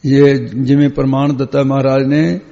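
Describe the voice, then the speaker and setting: A man's voice: medium pitch, level tone, moderate pace, mellow, long reverb tail, highs cut off. A man teaching the meaning of scripture line by line and patiently correcting a student's pronunciation. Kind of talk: line-by-line scripture exposition lesson.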